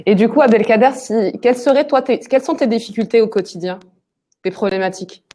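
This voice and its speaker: A woman's voice: on the high side, fast, mellow. A woman moderating a webinar in a conversational, informal interviewing style. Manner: informal, uses first names.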